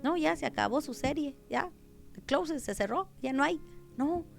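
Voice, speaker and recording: A Mexican woman pastor preaching a radio sermon with a Mexican Spanish accent, emphatic, dropping to hushed tones and rising to loud cries. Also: high voice, expressive, normal speed, gravelly, soft background music.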